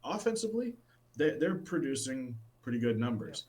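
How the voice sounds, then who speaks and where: A man co-hosting a casual sports podcast, talking with lots of fillers and restarts and getting excited about baseball. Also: medium pitch, moderate pace, slight background noise. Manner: rambling, many fillers and restarts. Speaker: podcast co-host.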